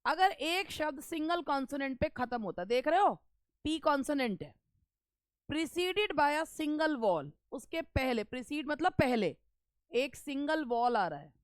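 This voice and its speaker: A woman teaching an English grammar lesson for exam preparation, reading rules out slowly and then explaining them in Hindi. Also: sits high, no echo.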